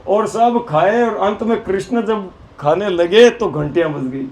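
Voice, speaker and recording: A man preacher telling devotional stories in an animated way, often laughing. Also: high voice, measured pace. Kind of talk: devotional storytelling sermon. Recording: echoey hall with faint noise.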